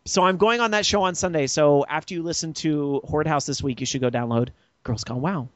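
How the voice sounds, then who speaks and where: A man hosting a casual gaming podcast, chatty and quick to laugh as he reads listener tweets. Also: a little high, dry recording, lo-fi sound. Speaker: podcast host.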